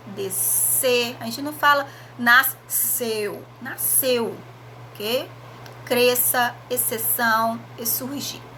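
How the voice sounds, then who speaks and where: A Brazilian woman teacher records a lesson for her students. She speaks slowly and carefully in a bright, rather high voice. She sounds out letters one by one and keeps checking in with short tag questions, with faint ambient noise behind her.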